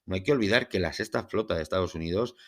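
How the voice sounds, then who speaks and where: Man, low-pitched voice, Spain Spanish accent, podcast host, measured formal narration, literary turns of phrase. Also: a bit bright. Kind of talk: podcast monologue on a UFO case, part scripted narration.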